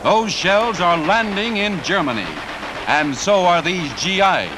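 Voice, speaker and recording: A man's voice: high voice, animated, unhurried, noisy background. A man narrating a 1940s newsreel with a punchy announcer delivery and wry quips. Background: music score.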